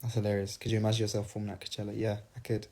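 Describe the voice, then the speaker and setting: A man's voice: on the low side, little pitch movement, very fast, darkish tone. Young man, casual livestream Q&A, playful and rambling, talking into a phone. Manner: reads fan questions aloud, rambling and playful. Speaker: singer answering fans on a livestream.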